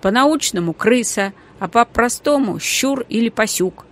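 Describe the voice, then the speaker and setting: A woman reading the part of a loud, blunt female household cook in an audiobook, scolding and plain-spoken. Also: a little high, lively intonation, unhurried, voice pushed up. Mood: grumbling.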